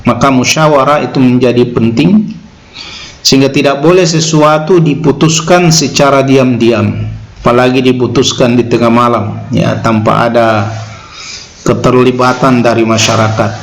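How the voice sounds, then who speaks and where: A man giving an Islamic teaching talk in an unhurried way. He tags his points with a short "ya" and recites Arabic verses slowly. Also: mid-range voice, a little hiss or hum, low-quality recording. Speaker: religious lecturer.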